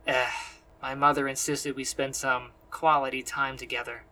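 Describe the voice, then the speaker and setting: A man's voice: mid-range voice, little pitch movement, normal speed, pushed and bright, slight background noise, poor audio. A man voicing a curious young wielder of ether who asks probing questions in an audiobook.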